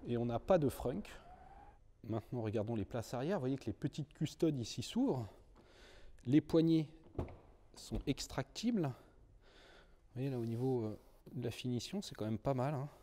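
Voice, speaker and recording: A man's voice: mid-range voice, animated, moderate pace, long pauses, warm tone. A man giving a casual, chatty car review, talking viewers through the cabin and a test drive. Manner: chatty, explanatory, addresses viewers directly. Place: inside an electric car, parked then driving.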